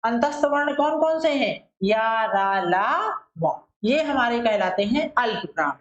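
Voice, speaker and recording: A woman teacher giving a methodical lesson. She asks questions and answers them herself, and she draws syllables out slowly to demonstrate them. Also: high voice, lively intonation, roomy sound, dull audio. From India. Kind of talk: classroom-style lesson.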